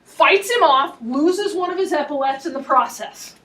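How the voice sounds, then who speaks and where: Woman history lecturer, high voice, wry storytelling, distant classroom mic. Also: normal speed, a little hiss or hum. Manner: lively, wry, laughing asides.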